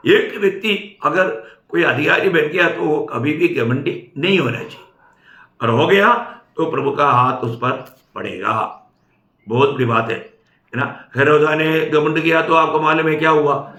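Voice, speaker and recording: Male preacher, somewhat high, bright and forceful delivery, emphatic sermon, echoey hall. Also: unhurried. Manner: emphatic, with tag questions to the congregation. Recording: echoey room.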